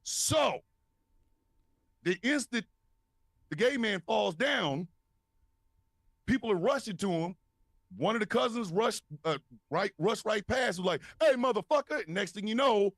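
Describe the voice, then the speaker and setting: A man's voice: sits high, a little slow, long pauses, no echo. A man co-hosting a podcast, telling a wild story with lots of swearing and laughter. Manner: animated, profane, laughing storyteller. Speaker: podcast co-host. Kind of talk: casual storytelling.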